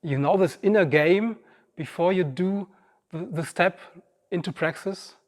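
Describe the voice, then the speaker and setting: A man in his 50s with a high-pitched voice speaks a little slowly as he addresses the audience in a personal, reflective inspirational talk. The large auditorium stage lends the recording a long reverb.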